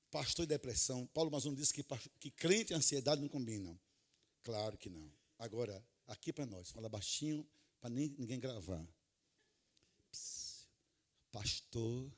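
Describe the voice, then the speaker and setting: A man preaching to a conference of pastors, animated and humorous, dropping to soft, low asides and then rising to loud, shouted calls. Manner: animated, humorous, plays out little scenes. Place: large conference hall.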